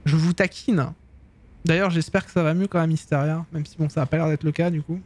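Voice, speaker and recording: A man's voice: on the high side, steady tone, fairly quick, a little mellow. A man streaming, chatting casually and teasingly with his viewers in slangy talk.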